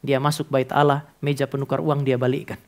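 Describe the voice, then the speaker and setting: A man's voice: mid-range voice, level tone, fairly quick. A man preaching a sermon as pastor of a church, speaking directly to the congregation and telling stories with acted-out dialogue.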